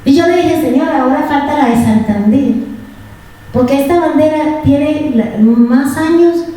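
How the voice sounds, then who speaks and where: A woman's voice: high-pitched, unhurried, dark tone. A woman preaching a sermon, emotional and pleading, asking the congregation rhetorical questions. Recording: echoey church hall from far off.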